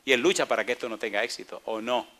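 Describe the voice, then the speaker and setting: A pastor preaching a sermon with animated delivery, asking the congregation questions and acting out dialogue in playful voices. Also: male voice, medium pitch, racing.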